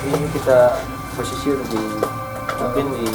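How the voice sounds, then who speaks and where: A man's voice: mid-range voice, fairly even intonation, normal speed, loud music behind the voice, low-quality recording. A man with a Sundanese-influenced Indonesian accent, hesitant and uneasy, chatting casually as host of a night exploration vlog.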